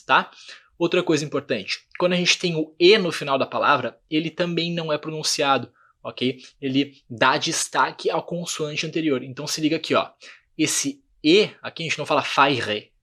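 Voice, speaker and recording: Teaching French online, this Brazilian man speaks with a Brazilian Portuguese accent, repeating words patiently and checking how his students are doing. His voice sits a little high and sounds fairly bright.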